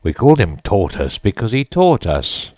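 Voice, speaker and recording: A man voicing a sorrowful, sighing male Mock Turtle with a deep, hollow tone. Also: animated, a little mellow, dry recording, clean studio sound. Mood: indignant. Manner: slow, mournful, sobbing.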